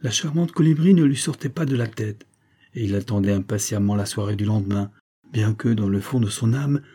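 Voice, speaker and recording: Un homme qui lit une nouvelle classique à voix haute, d'une narration posée et expressive. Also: male voice, lowish voice, fairly quick, slightly rough. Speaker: audiobook narrator. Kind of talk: literary narration.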